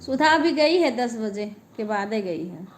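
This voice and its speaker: A woman chats with her live-stream viewers from home, lying down as she talks. Her voice sits fairly high, and she talks in an unhurried, drawn-out way. She is homely and chatty, and she circles back to the same points again and again. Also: lively intonation, a little hiss or hum. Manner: chatty, homely, repeats herself.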